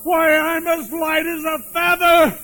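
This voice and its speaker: Old miser turned giddy and joyful, played by a man. Very high, slow and drawn-out delivery. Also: monotone, sharp tone, full character voice, rough recording. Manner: pleading, then overjoyed and breathless with laughter.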